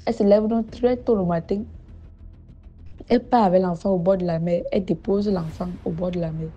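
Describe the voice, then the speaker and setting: A woman's voice: fairly low pitch, steady tone, fairly quick, warm tone. A woman, telling a village story in a casual spoken way, often hesitating and repeating words. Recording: dull lo-fi audio with background music.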